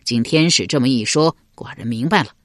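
A man's voice: mid-range voice, a little fast, a bit bright, no echo, clean studio sound, voice pushed down, close to an everyday voice. Commanding duke, regal and decisive, voiced by a woman. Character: commanding male duke ruling a state.

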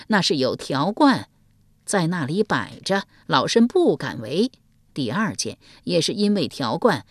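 A cold, commanding old empress dowager, as a woman reader puts her on, low-voiced and dry. She swings from icy scorn to lively, pointed scolding, every word weighing heavily. Close, dry audiobook sound with no room around it. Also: dry recording, full character voice. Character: stern, shrewd elderly grand empress dowager.

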